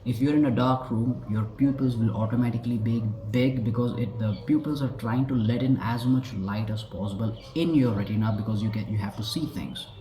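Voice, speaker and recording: A man's voice: mid-range voice, brisk, hardly any pauses, warm tone, slight background noise. A man gives a casual talk about body language, rambling a little and acting out examples as he goes. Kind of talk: explanatory talk to camera. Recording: echoey room with faint ambience.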